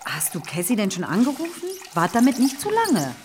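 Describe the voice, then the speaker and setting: A woman's voice: on the high side, huge pitch swings, a little fast, a little hiss or hum. An actress playing a brusque, skeptical woman who teases a friend.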